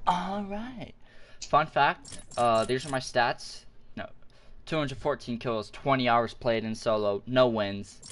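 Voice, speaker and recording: A man's voice: mid-range voice, steady tone, a little slow, fairly bright tone, slight background noise. A young man chatting casually while gaming, rambling and thinking aloud. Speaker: gamer.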